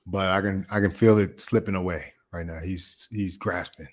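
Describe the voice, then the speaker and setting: A man's voice: low-pitched, steady tone, normal speed. A man hosting a reaction video, commenting casually on a clip and laughing often, repeating his phrases.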